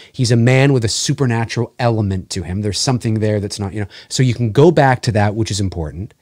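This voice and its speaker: Podcast guest, male, fairly low voice, dry sound; chatty and long-winded, trips over words and restarts. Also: darkish tone, no echo. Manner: talkative, gropes for words and restarts mid-thought. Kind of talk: casual podcast chat.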